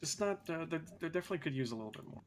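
A man talks casually as he plays a game with friends. His voice sits a little high. There is some background noise with keyboard typing. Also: animated, very fast. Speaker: gamer in a group playthrough. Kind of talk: casual gaming chat.

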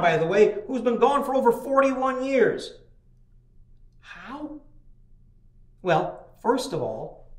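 In a small indoor chapel, the high-voiced older pastor gives a midweek sermon full of folksy stories and repeated restarts, and the recording has a roomy sound.

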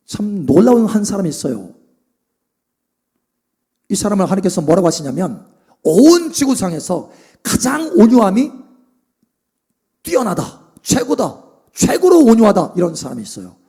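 A man's voice: sits high, sing-song, moderate pace, pauses often, dark tone, breathy edge. A man preaching a sermon as a pastor, emphatic, often checking in with the congregation and acting out quoted voices. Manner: acts out quoted voices of Moses and the people within the sermon.

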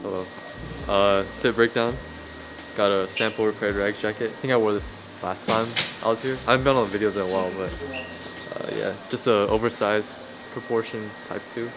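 A young man giving a casual outfit breakdown, listing each piece in a flat rundown. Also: lowish voice, a little fast, over music, rough recording. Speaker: guest. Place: indoor warehouse.

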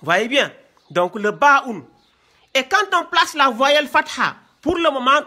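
A man from Senegal, teaching a classroom lesson, talking slowly and repeating himself, often checking with "hein?". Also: extremely high pitch, pushed and bright. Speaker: Quran teacher.

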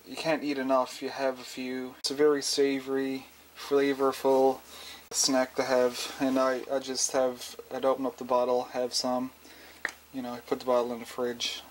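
Male food reviewer, mid-pitched, monotone, hesitant and unhurried, casual narration over faint noise. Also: low-quality recording. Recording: clear steady background noise.

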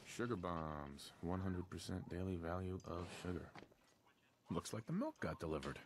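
An easygoing young father, deep-voiced. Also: lively intonation, moderate pace, noisy background.

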